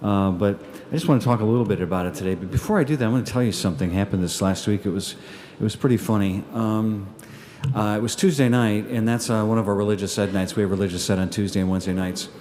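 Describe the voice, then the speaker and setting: A male pastor speaks to his congregation at Mass in a relaxed, folksy homily. His voice sits fairly low and sounds dark and mellow. He talks in loose, conversational sentences full of "uh" and restarts. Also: quick pace, slight background noise. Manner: chatty, folksy, with many fillers and restarts. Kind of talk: casual homily with an appeal. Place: church at Mass.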